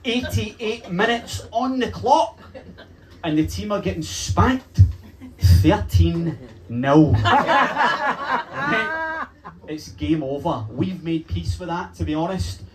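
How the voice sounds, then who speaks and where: A young man with a Glaswegian Scottish accent doing a stand-up comedy set in a club, telling punchy stories with swearing and acting out shouted lines. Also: high voice, slight background noise, poor audio. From Glasgow, Scotland. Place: comedy club with a live audience. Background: audience laughter.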